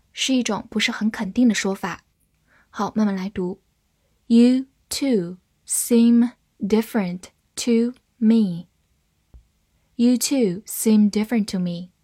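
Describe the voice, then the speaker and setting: A woman teaching English vocabulary, spelling out words and reading example sentences slowly for learners to follow. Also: medium pitch, darkish tone, slightly rough. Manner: slow, spelled-out model readings. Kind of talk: vocabulary lesson.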